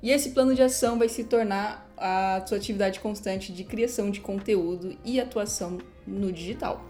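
A woman speaking as a digital designer guest on a podcast, talking in a lively, casual way. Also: mid-range voice, moderate pace, soft background music.

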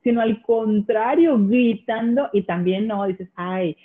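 Woman, middle-aged, northern Mexican accent, animated storyteller, laughs a lot, tinny phone-like sound. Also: on the high side, a little slow. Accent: northern Mexican (Monterrey). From Monterrey, Mexico. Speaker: guest. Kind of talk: casual conversation.

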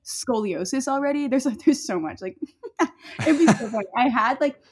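A woman's voice: high-pitched, animated, normal speed, slightly rough. A young adult woman telling a personal story in casual chat, rambling with many fillers and breaking off into laughter.

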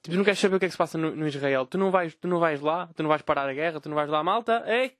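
A man's voice: fairly high pitch, racing, dry recording, studio quality. A young man with a European Portuguese accent, ranting sarcastically and swearing on his solo podcast. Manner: profane, sarcastic, mocking voices of others. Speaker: podcast host.

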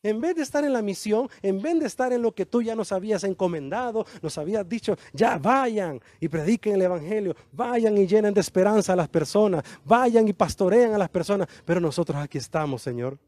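A man preaching an animated sermon, acting out quoted dialogue with slow, emphatic lines. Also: high-pitched, no echo.

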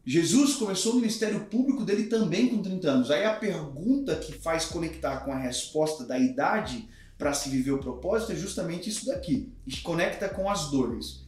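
A man's voice: on the high side, animated, normal speed, hardly any pauses, a little mellow. A man in his thirties, a pastor, speaking earnestly and emphatically in a podcast conversation. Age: 30s. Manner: earnest, emphatic, teaching with examples. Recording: very echoey room with music behind.

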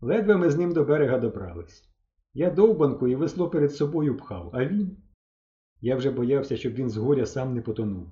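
A man reading a children's audiobook aloud with lively storytelling. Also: mid-range voice, a little fast, reverberant, dull audio. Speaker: audiobook narrator.

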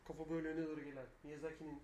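A man's voice: fairly high pitch, little pitch movement, rapid-fire, roomy sound, a crowd in the background. A man co-hosting a live radio show, telling long rambling stories and swearing freely. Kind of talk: casual live radio banter.

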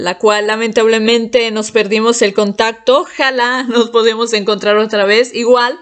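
A woman whose first language is Italian, chatting casually in a monologue and laughing often between phrases. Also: fairly high pitch.

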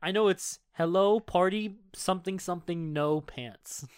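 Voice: medium pitch, measured pace, clear, resonant tone, dry recording, studio quality. A podcast co-host chatting casually while a little drunk, rambling and playful. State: tipsy. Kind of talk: casual chat while drinking.

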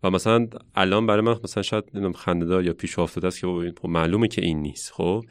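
A man who works as a science educator, telling stories in a relaxed conversational way and thinking aloud as he reflects. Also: deep voice, clean tone, no echo. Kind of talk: casual conversational storytelling.

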